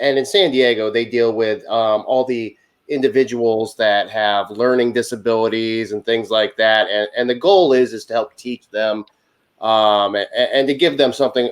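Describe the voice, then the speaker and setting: A man telling a long, funny work anecdote on a talk show, animated and laughing as he goes. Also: mid-range voice, clear, resonant tone. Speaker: HVAC technician guest. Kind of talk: casual storytelling on a talk show.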